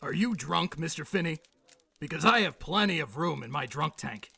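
Casting: raspy, exasperated veteran cop boss, old-time beat-cop bark, high and forceful, audio drama. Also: male voice, lively intonation, moderate pace, full character voice. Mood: sceptical, stern. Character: exasperated, sceptical veteran police boss barking orders. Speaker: police commander.

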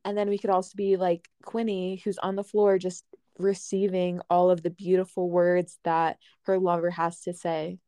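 A woman's voice: lowish voice, little pitch movement, normal speed, warm tone, clean tone, no room sound. Young female co-host, effusive and dreamy, dry close sound. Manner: dreamy, effusive, stretches words. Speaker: podcast co-host. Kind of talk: casual chat.

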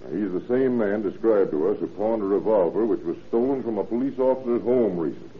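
A man playing a calm, wily police inspector in an old radio drama, with the folksy, streetwise patter of a 1930s beat cop. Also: lowish voice, a little fast, lightly acted. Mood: probing. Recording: muffled, noisy old radio recording.

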